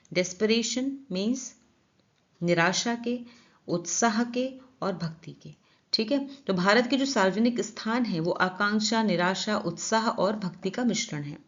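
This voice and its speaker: A woman with an Indian accent explains a newspaper editorial as an English teacher. She reads the English lines slowly and then explains them. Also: mid-range voice, dull audio.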